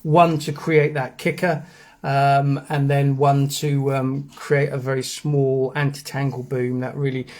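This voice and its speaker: A man's voice: mid-range voice, little pitch movement, a little slow, darkish tone. A man with a Geordie accent hosting a live stream, rambling casually as he explains things step by step. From England. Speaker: host. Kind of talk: live stream demo and chat.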